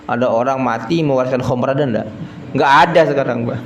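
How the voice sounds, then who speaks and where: A male religious teacher from East Java, Indonesia, talks fast in a medium-pitched voice during a folksy study sermon, keeps calling his listeners "sir," and chuckles at his own jokes. The lo-fi recording carries prayer-hall echo and faint noise.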